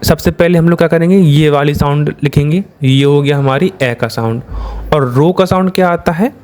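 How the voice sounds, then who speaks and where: A man's voice: fairly high pitch, normal speed, darkish tone. A man with an Indian accent teaching shorthand, explaining step by step and answering his own questions. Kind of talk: classroom-style lesson.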